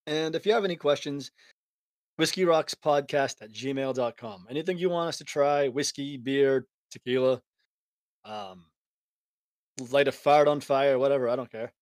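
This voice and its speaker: A man hosting a podcast in casual chat, relaxed and rambling, chuckling often. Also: mid-range voice, moderate pace, dry recording. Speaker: podcast host.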